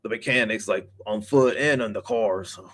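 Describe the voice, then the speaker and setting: A man co-hosting a gaming podcast, talking casually and haltingly, searching for words with lots of "like". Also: on the low side, a bit bright. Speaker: podcast co-host.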